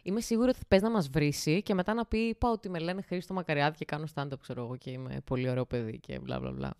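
A woman's voice: deep voice, vocal fry, darkish tone, clean tone, no echo, studio quality. A young woman from Larisa, hosting a podcast in casual chat, teasing and laughing often. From Larisa, Greece. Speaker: podcast host.

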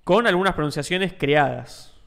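An Argentine man co-hosts a casual podcast, explaining topics in loose, slangy talk. His voice sits a little high and sounds smooth and clear. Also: animated, normal speed, a bit bright. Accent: Argentine Spanish. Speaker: podcast co-host. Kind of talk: casual chat.

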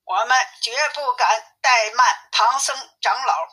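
A woman's voice: on the high side, slow, sharp tone, full character voice. A woman voicing a group of frightened male monks who plead and panic. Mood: panicked. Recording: tinny phone-like sound.

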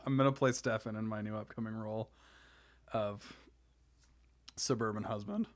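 A man's voice: lowish voice, fairly even intonation, moderate pace. A man guesting on a comedy podcast, joking wryly in casual banter.

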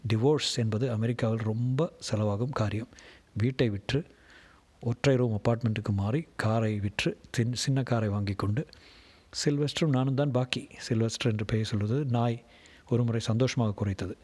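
A man reading a novel aloud as narrator, in a steady, measured storybook manner. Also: medium pitch, husky. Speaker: audiobook narrator.

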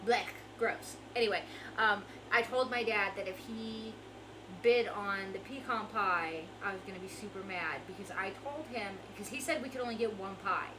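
A woman's voice: fairly high pitch, pushed and bright. A young woman co-hosting a casual podcast, telling a rambling story full of swearing and asides. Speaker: podcast co-host. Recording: noisy background.

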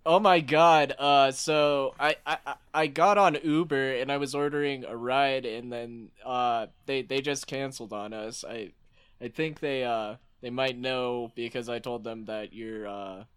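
A man's voice: medium pitch, fairly even intonation, unhurried, a bit bright, clean tone, close to an everyday voice. A man playing a flustered young husband in an improv comedy scene, stammering and rambling.

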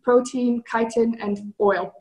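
A woman founder delivering a prepared investment pitch in a structured, presentational way. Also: steady tone, takes it slowly, a little mellow, poor audio.

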